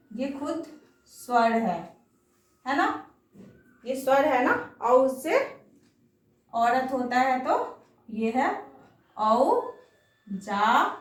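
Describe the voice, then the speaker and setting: A woman's voice: high-pitched, echoey room, distant mic. A woman teaching a children's lesson on Hindi vowel signs, patient, stretching syllables out and asking frequent questions.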